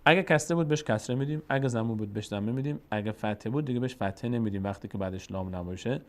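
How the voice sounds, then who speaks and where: Man teaching Quran recitation slowly. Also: medium pitch. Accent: Tajik-influenced Persian. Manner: slow, drawn-out demonstration of Arabic words between explanations. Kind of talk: recitation lesson.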